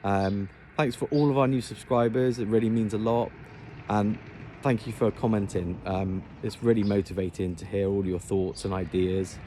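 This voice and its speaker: A man's voice: fairly low pitch, steady tone, normal speed, dark tone, slight background noise. A man hosting a do-it-yourself build video, explaining the work in an informal, casual way. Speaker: DIY bus conversion video host.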